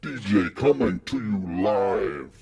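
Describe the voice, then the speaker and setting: A man voicing a boasting male radio DJ with a put-on Jamaican accent, in a shouty hype-man delivery. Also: lowish voice, animated, takes it slowly, crowd noise. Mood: hyped.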